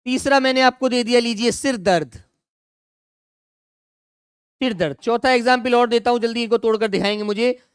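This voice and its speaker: A middle-aged male teacher running an online exam-prep grammar class, repeating each example and coaxing students to answer quickly. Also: very high-pitched, clean tone, no room sound, studio quality.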